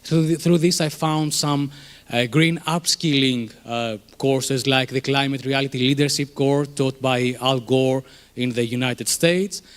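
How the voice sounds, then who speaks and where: A Greek man in his thirties, a startup co-founder with a Greek accent, gives a conversational presentation in a conference room. His medium-pitched voice is smooth and fairly even, and he speaks at a measured pace, though with many fillers and restarts.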